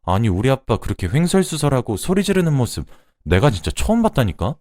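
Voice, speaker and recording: A playful young woman wheedles and teases in a lively, sing-song voice, as a man puts her on for a radio drama. Her pitch leaps well above the reader's own, and the sound is close and dry. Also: a little fast, dry recording, close to an everyday voice. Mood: insistent. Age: young adult. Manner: playful, pleading, teasing. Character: bubbly young woman, cheeky niece.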